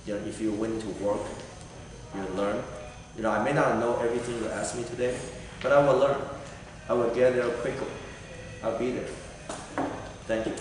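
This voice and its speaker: A man's voice: medium pitch, fairly even intonation, distant mic, background noise. Earnest man, echoey hall. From Taiwan. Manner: earnest, halting, many fillers. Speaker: political candidate. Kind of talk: answering vetting panel questions. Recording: echoey hall recorded from afar.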